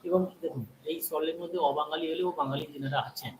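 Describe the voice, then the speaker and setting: A man's voice: a little high, fairly even intonation, fast talker, low-quality recording. A man managing a small restaurant, answering a reporter and eagerly listing the dishes one by one. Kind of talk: interview answers. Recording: restaurant room noise.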